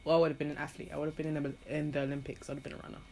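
A woman's voice: sits low, very fast, creaky. A young woman, chatting casually and playfully on a podcast about her dream jobs and her schooling. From Trinidad. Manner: playful, laughing, animated storytelling. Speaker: podcast guest. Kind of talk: casual chat.

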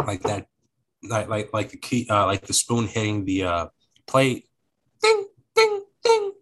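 A man's voice: lowish voice, steady tone, unhurried, a bit bright, rough recording. A young man talking casually on a podcast, rambling and repeating phrases as he searches for words.

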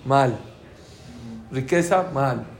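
A man teaching a Talmud class to a live audience, lively and quizzing listeners with questions. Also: medium pitch, very slow, vocal fry. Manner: animated, asks the audience questions. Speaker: Torah teacher. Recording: roomy room with faint ambience.

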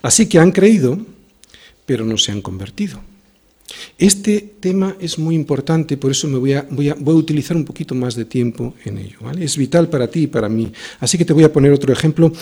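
A man's voice: fairly high pitch, animated, brisk, darkish tone, slightly rough. A male pastor preaching a sermon in a church, reading scripture and asking the congregation questions.

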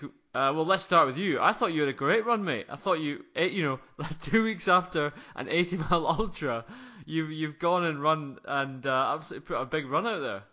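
A man's voice: on the high side, bright, forceful tone, highs cut off. A man in his thirties chatting casually about sport as a podcast co-host. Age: 30s.

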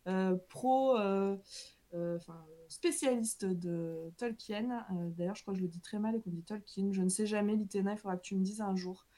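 A woman's voice: medium pitch, steady tone, fairly quick, mellow. Teasing woman hosting a live stream. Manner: teasing, playful. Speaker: stream host. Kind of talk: casual live-stream chat.

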